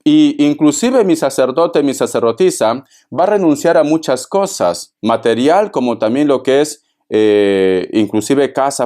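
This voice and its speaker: A man's voice: medium pitch, darkish tone. A man giving a tarot reading for viewers, flamboyant and teasing, often laughing and chatting to a friend. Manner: chatty, keeps addressing a friend by name. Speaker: tarot reader.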